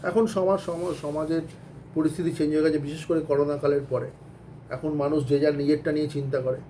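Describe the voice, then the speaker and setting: Man teaching accounts, fairly high and warm, earnest and rambling, mixing in English. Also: level tone, quick pace, slight background noise. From Bengal. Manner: rambling, earnest advice with many restarts and English phrases. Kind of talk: casual spoken lesson to students.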